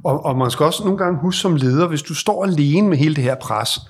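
A man's voice: a little high, husky. A man working as a leadership advisor, explaining at length in a reflective, conversational way with frequent restarts. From Denmark. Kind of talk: conversational advice in interview.

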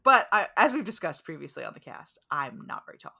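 A woman co-hosting a podcast in casual chat over a video call, excitable, joking and quick to laugh. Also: low voice, gravelly. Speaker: podcast co-host.

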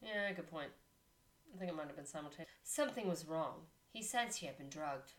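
Brisk and lively in intonation, a low-voiced woman reads story text on a casual podcast she co-hosts. She keeps stopping to chat about it and laugh.

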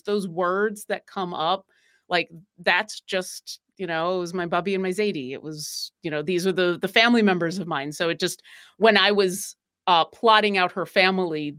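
Chatty woman with hesitant, halting speech. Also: lowish voice, fairly bright tone. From New York State. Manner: hesitant, many fillers and restarts. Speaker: podcast guest, tabletop game player. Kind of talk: casual chat.

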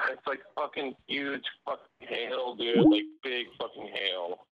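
A man's voice: mid-range voice, takes it slowly, a bit bright, dry recording. Young man on a muffled speakerphone. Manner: laid-back, swears a lot, says dude. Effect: heard over a speakerphone. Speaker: podcast co-host calling in. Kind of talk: casual chat.

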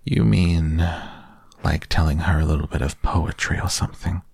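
A man voicing a humble, gentle toy bear in a storybook, with a hesitant, ponderous way of talking. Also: rumbling low, normal speed, vocal fry, breathy edge, no echo, studio quality, full character voice. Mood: unsure, puzzled.

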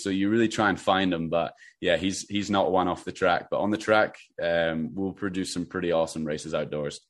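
A Scottish man in his twenties, a runner, answering interview questions in a relaxed, rambling way with many restarts. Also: deep voice. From Scotland. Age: 20s. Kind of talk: casual interview.

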